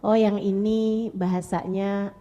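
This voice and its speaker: A woman's voice: mid-range voice, slow pace, highs cut off. A woman preacher giving an Islamic sermon to mothers, stressing her points with repeated phrases and acting out quoted prayers. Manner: emphatic, repeats phrases, swings between lively and soft; acts out quoted prayers and parents.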